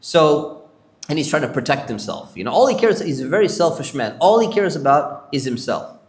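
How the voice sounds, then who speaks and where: A man's voice: on the high side, very animated, normal speed, echoey room. A sheikh telling prophet stories to a congregation, acting out the characters' lines as he goes. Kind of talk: storytelling lecture. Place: Islamic center hall.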